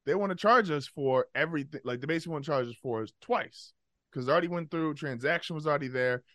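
A man on a podcast telling a story in casual chat, profane and animated, often laughing. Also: on the high side, fast, dry recording, clean studio sound. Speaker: podcast co-host.

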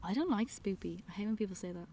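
A woman's voice: medium pitch, lively intonation, fast talker, warm tone, slight background noise. Woman chatting casually on a walk. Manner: laughing, banter-filled. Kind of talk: casual chat. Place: outdoors, walking.

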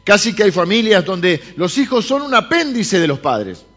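Male pastor with a Rioplatense accent, higher voice, preaching to the congregation, dull recording. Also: moderate pace. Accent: Rioplatense Spanish. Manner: lively, speaks directly to the congregation. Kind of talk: sermon. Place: church service.

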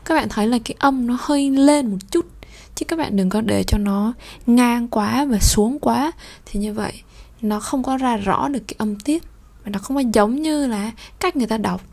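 A woman teaching a pronunciation lesson. She slowly repeats French model phrases, sometimes in a whisper, then explains them quickly in a conversational way. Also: on the high side, a little mellow.

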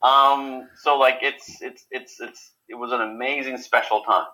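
A man in a casual interview, talking haltingly with many repeated words and fillers. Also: medium pitch, fairly even intonation, bright, forceful tone, rough recording. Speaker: guest.

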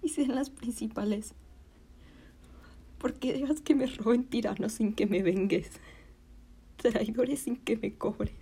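A drama student acts out a classical Spanish verse monologue as a wronged, defiant young village woman. She declaims slowly and with anguish in a breathy, husky, mellow voice pitched on the high side, fully in character. The mood is anguished and reproachful.

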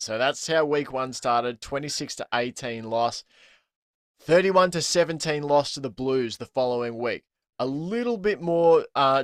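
Australian man, podcast host, mid pitch, dry sound, chatty and laughing. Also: a bit bright, no echo. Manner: chatty, laughs often, many ums. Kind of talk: casual sports podcast chat.

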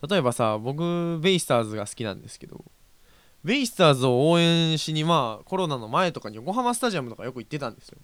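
A man's voice: on the high side, big pitch swings, fast talker, a bit bright, smooth, no room sound. A young man hosting a casual solo talk show, chatty and rambling, often correcting himself and laughing. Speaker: podcast host.

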